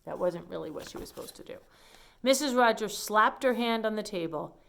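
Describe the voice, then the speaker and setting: A woman reads a children's picture book with expressive storytelling, stepping away from the text for simple asides explaining what's happening. Her medium-pitched voice is brisk and gravelly, and there's slight background noise.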